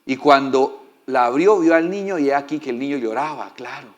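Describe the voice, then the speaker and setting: A man's voice: mid-range voice, brisk. A male pastor preaching a sermon in a folksy, joking way and often asking the congregation for agreement.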